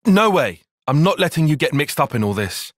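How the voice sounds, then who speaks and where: This is game cutscene voice acting for a young male military strategist, earnest, formal, and analytical, with a husky edge and a widely expressive pitch. He sounds distressed yet keeps his phrasing precise and measured, recorded in a dry studio with no echo.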